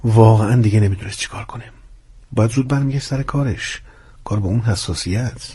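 A man narrating a story in a steady, storytelling manner. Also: lowish voice, slightly rough.

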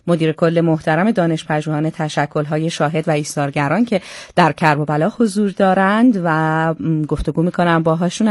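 A woman's voice: low-pitched, a little mellow, dry recording. Female radio host, courteous and formal, with a dry close sound and frequent hesitations. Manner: polite, formal, hesitant with fillers. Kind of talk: radio interview.

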